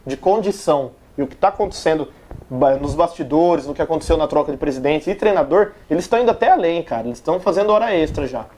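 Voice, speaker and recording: Mellow-voiced São sports host. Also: male voice, on the high side, animated, quick pace, a little hiss or hum. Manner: chatty, reads viewer comments aloud. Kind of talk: casual studio sports chat. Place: TV studio.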